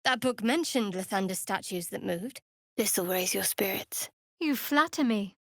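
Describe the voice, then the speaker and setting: This actress portrays a young woman cleric, devout and guarded, in service to a dark goddess in a fantasy game. Her mid-range voice is animated yet measured and wry, composed in mood, recorded at studio quality with no echo.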